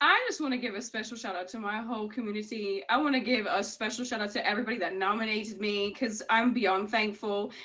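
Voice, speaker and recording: A woman's voice: medium pitch, quick pace, hardly any pauses, sharp tone. A woman from Miami giving casual, effusive interview answers as a guest, repeating herself for emphasis. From Miami, United States. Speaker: guest, award recipient.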